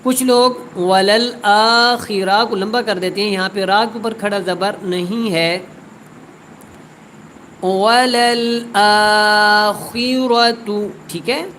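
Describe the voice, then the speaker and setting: A woman teaching a word-by-word Quran tajweed lesson. She recites each word slowly and drawn out, then explains quickly. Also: medium pitch, fairly bright tone, a little hiss or hum, rough recording.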